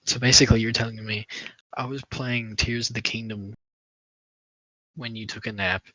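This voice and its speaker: Young man, laid-back joking chat, sleepy, husky, bright tone. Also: medium pitch, fairly even intonation, normal speed, no echo, poor audio. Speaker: podcast co-host. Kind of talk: casual chat.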